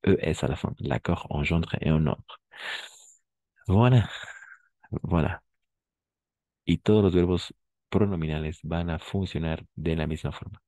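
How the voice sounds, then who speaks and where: A man teaching a live online class, repeating phrases slowly to drill pronunciation and often checking that his students follow. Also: extremely low pitch, fairly even intonation, mellow, no room sound, lo-fi sound. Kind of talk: online language lesson.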